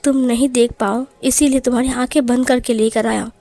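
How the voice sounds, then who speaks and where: A woman's voice: a little high, steady tone, a little fast, mellow, no room sound. A woman voicing a short-tempered young male mafia boss who snaps and threatens. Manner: snapping, threatening, bossy.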